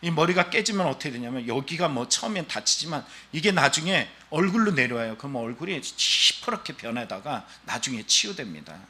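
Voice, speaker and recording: Animated, bright-voiced male pastor preaching. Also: medium pitch, fairly quick, hardly any pauses. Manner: animated storytelling preaching, acting out quoted voices. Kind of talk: sermon.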